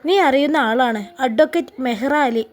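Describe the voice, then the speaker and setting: A woman's voice: high voice, normal speed, natural voice. A woman voicing a teasing young male lawyer. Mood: tender, teasing. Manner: gentle, teasing banter.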